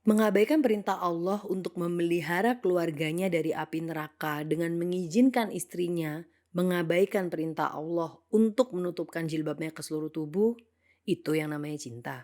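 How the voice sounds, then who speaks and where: A woman's voice: lowish voice, moderate pace, dark tone. A young woman narrating a scripted reflective monologue in an earnest, thoughtful way, switching now and then into English phrases.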